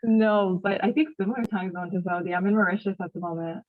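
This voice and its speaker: A woman's voice: medium pitch, quick pace, dry recording. A woman student from Ontario answering an instructor politely over a call. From Ontario, Canada. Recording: dry, phone-like call audio.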